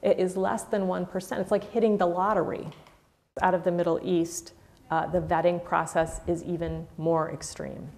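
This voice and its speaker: A woman speaking in a measured, thoughtful way with occasional fillers in a documentary interview. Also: on the low side, flat delivery, vocal fry, a little mellow.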